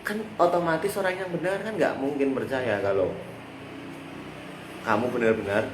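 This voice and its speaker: This is a religious text lesson from a teacher of a classical Islamic work, a man with a Javanese accent. His pitch is medium and his speed normal as he relies on familiar, everyday examples, prompting listeners to fill in the ends of his sentences. The recording picks up room echo and faint noise.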